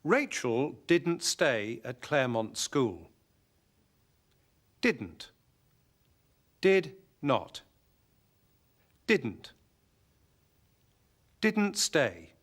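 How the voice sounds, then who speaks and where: A man presenting an English lesson, drilling words clearly and deliberately in scripted narration. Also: mid-range voice, big pitch swings, fairly bright tone.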